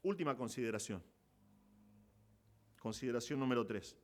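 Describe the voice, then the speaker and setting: A man's voice: mid-range voice, expressive, moderate pace. A man with a Rioplatense Argentine accent preaching a church sermon, explaining scripture and rising to emphatic exclamations. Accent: Rioplatense Spanish. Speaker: pastor.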